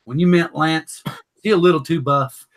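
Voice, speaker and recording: A man co-hosting an online chat show, steering the questions and passing turns to the others. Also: a little high. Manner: brisk, runs the segment and hands off questions. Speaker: co-host.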